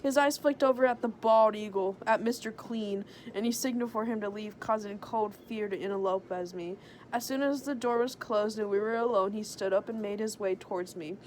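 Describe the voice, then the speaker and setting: A woman's voice: medium pitch, a little fast, slight background noise. A woman reading a story aloud as a joke, stumbling over words and giggling. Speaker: reader of a story. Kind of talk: joking read-aloud of fan fiction.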